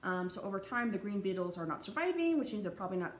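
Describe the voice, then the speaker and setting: This young anthropology instructor's medium-pitched voice swings widely in pitch as she speaks fast through a rambling, casual college lecture over slides, full of fillers and restarts. The room is echoey, with faint background noise.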